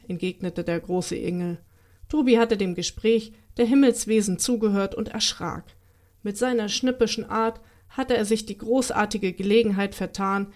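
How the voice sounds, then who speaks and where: Woman reading a children's story. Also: mid-range voice. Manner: calm, expressive storytelling. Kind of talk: children's story read aloud.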